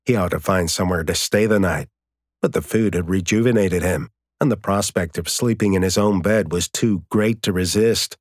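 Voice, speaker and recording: A man narrating an audiobook in a steady, measured way, recorded close on a studio mic. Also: deep voice, no echo. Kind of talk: scripted narration.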